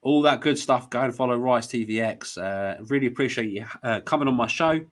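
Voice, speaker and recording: A man's voice: mid-range voice, fairly quick. A man hosting a casual conversation, talking in a rambling, hesitant way. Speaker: host.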